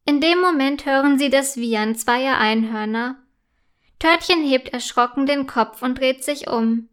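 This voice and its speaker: A woman reading a children's story aloud in a gentle, careful way. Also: high-pitched, a little slow, clear, resonant tone.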